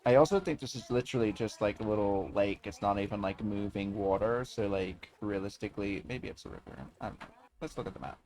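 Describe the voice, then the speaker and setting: A man's voice: lowish voice, a little fast, a little mellow. A male streamer casually joking and rambling through live gameplay commentary.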